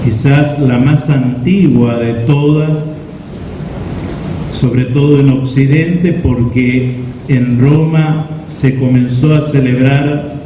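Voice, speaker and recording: A man preaching a homily in a deliberate, didactic way, pausing between phrases as he explains. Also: mid-range voice, steady tone. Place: large reverberant church. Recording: echoey church hall, slightly muffled, faint noise.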